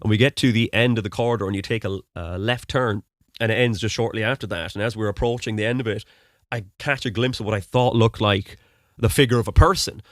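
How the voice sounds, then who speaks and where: This young podcast host from Mullingar, Westmeath talks fast in a voice on the low side, his Irish accent neutral enough to strike some listeners as American. Being interviewed casually, he answers in a loose, rambling manner full of ums. There's no room sound, and the audio is studio quality.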